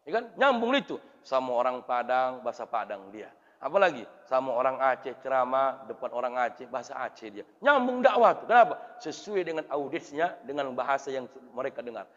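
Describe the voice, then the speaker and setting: A man preaching a lively mosque sermon, swinging between loud and soft and acting out voices. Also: mid-range voice, fairly quick. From Indonesia. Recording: reverberant hall through dull PA sound.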